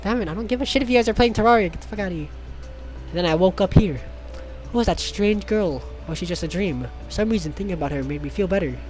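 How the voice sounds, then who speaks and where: Reading the game text for the group, this fast-talking, mid-range voice treats a visual novel as comedy, cursing, stumbling on words, and cracking side jokes. The recording is rough, with loud music running underneath.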